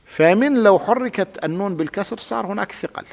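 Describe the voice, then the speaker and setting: A man's voice: high voice, lively intonation, a little fast, vocal fry. Man teaching grammar in an echoey room. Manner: patient, step-by-step explanation, has the student repeat words. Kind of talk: classical grammar lesson. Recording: reverberant room with long echo.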